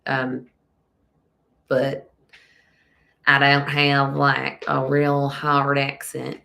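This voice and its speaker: A woman's voice: rumbling low, monotone, drawn-out words, vocal fry, pushed and bright. A young woman from Texas with a slight lisp, congested, chatting casually and rambling as she answers fan questions in a live Q&A. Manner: chatty, rambling, many ums.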